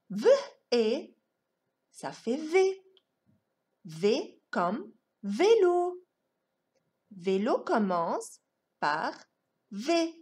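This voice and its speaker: A woman teaching young children a phonics lesson, enunciating each word in a slow, exaggerated sing-song way. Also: a little high, darkish tone, husky. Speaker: preschool teacher.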